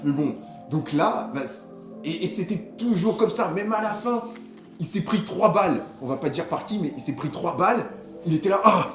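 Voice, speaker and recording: A man chatting casually about a film he saw, animated and quick to laugh, sometimes mimicking lines in a high voice. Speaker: film reviewer. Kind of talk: casual chat. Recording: echoey room with music behind.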